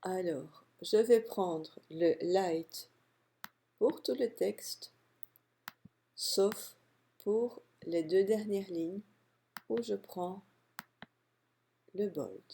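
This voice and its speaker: A woman calmly walking through a software tutorial step by step, narrating her clicks. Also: medium pitch, creaky, husky. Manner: calm step-by-step explaining, unhurried. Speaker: software instructor. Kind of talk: screen-recorded software tutorial.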